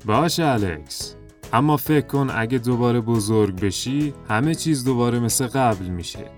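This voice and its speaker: A woman voicing a wise old male kangaroo wizard in a children's audio story, speaking slowly in a lowered voice. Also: expressive, a little mellow, soft background music. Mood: gentle, solemn. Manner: slow, deep put-on voice.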